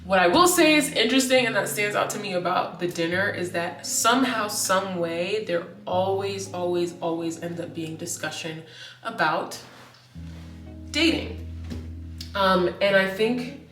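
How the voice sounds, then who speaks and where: A woman's voice: medium pitch, expressive, measured pace, fairly bright tone, distant mic. A woman in her late twenties chatting casually in a vlog, rambling with lots of "like" fillers and restarts. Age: 20s. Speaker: vlogger. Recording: echoey room, voice set back from the mic, faint music.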